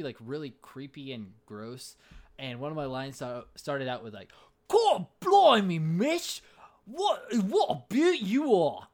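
A man co-hosting a casual podcast. He talks hesitantly, with many fillers and restarts. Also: medium pitch. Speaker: podcast co-host.

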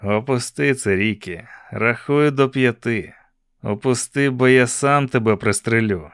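A man voicing a stern male gunman who gives threats in a low, flat, firm voice, in an audiobook. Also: measured pace, clear, resonant tone, dry recording, clean studio sound. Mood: threatening.

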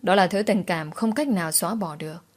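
Female audiobook narrator, low-pitched voice, dramatic first-person romance reading. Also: a little fast. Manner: dramatic, emotional storytelling.

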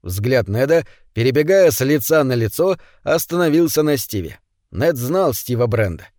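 A man narrating a story as an audiobook reader, reading in an expressive, animated way. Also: medium pitch, normal speed, dry recording, clean studio sound. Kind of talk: scripted narration.

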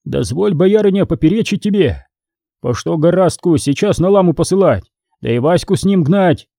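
A man voicing a sly steward who threatens strangers and flatters his mistress. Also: a little high, normal speed, creaky, no room sound, studio quality, pitched above the performer's own voice. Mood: persuasive.

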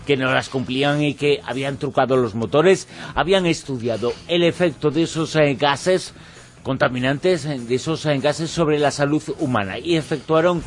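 A man's voice: fairly high pitch, moderate pace. A man from hosting a radio talk show, narrating with dramatic emphasis. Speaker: radio host. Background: music.

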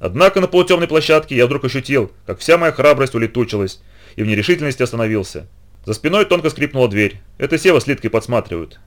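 Expressive male reader for a first-person children's story, lively and varied in pitch. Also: fast talker. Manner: expressive, dramatic.

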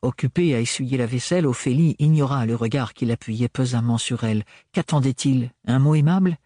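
A man reads an audiobook in a measured, even way. His voice is husky at a middling pitch. The recording is dry and close, with no room sound. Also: no room sound. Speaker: narrator. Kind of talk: audiobook narration.

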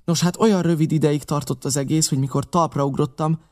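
A man reading an adventure novel aloud as steady, scripted narration. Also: on the high side. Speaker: audiobook reader.

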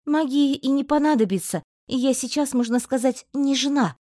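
A woman's voice: sits high, normal speed, mellow, no room sound, clean studio sound, pitched above the performer's own voice, lightly acted. Woman doing a fierce, mocking young sorceress. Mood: cold mocking. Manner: cold, mocking. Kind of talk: audiobook character voice.

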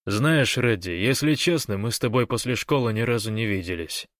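A man voicing a brash young man who has lost his memory, talking loudly and cheekily. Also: on the low side, expressive, normal speed, no room sound, clean studio sound. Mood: bewildered. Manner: loud, cheeky, defiant. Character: brash young man with amnesia, cocky and joking.

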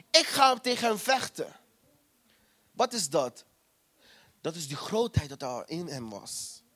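High-voiced man preaching emphatically. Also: a bit bright. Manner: emphatic, repeats key phrases, retells scripture with quoted voices. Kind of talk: sermon.

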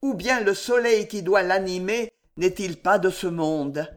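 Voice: mid-range voice, a little slow, natural voice. A reader voicing a proud, restless young woman who questions her own heart, in an audiobook. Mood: doubting. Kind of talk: audiobook reading.

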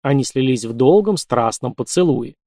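A man narrating an audiobook in an even, clear reading. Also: medium pitch, moderate pace, no room sound, clean studio sound.

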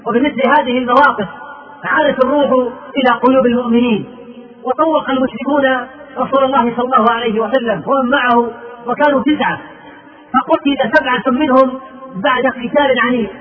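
Male preacher, high-pitched, fervent sermon delivery, lo-fi phone-line recording. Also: steady tone, quick pace. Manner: fervent storytelling with quoted speech. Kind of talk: sermon narrating early Islamic battle history.

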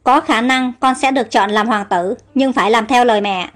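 A wicked aunt gloats and plots in a conspiratorial tone, as a woman reads her. The voice is high-pitched, and light music runs behind the story. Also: fairly quick, a bit bright, natural voice. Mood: scheming. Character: scheming wicked middle-aged aunt, gloating.

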